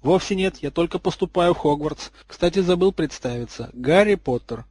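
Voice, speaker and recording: Calm dry-witted schoolboy, read by a man, husky, slightly raised pitch. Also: normal speed, no room sound.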